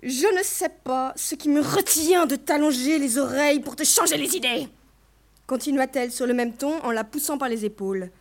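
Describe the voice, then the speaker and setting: A woman voicing a harsh, bad-tempered middle-aged mother who mocks and scolds her daughter in a storybook reading. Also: moderate pace. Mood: furious. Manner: shrill, mocking and scolding.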